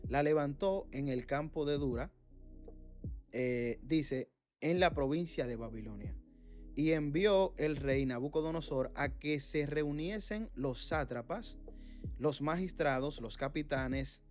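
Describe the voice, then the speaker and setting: A man leading an informal Bible study, reading passages aloud and explaining them with frequent fillers and pauses. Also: on the high side, a little mellow, faint music behind. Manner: reads scripture aloud, then explains it with many fillers.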